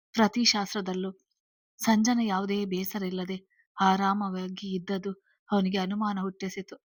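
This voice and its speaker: A woman narrating a serialized story in a steady reading style. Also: mid-range voice, no room sound.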